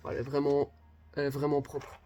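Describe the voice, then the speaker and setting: A man's voice: on the high side, completely flat delivery, a little fast, dark tone. A man hosting an unboxing video in a casual, chatty way, often joking about himself and talking straight to his viewers. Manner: chatty, self-deprecating, addresses viewers as "guys".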